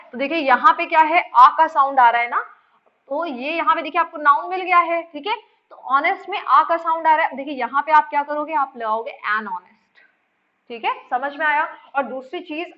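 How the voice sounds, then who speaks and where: A woman teacher explaining grammar in a lesson, repeating points and quizzing her students with questions. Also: sits high. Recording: dull lo-fi sound.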